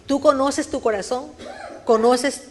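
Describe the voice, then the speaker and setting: Woman preacher, higher pitch, earnest sermon delivery, restarts phrases for emphasis. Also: measured pace, slight background noise. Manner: earnest, questioning the listener directly. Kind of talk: Spanish-language sermon. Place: church service.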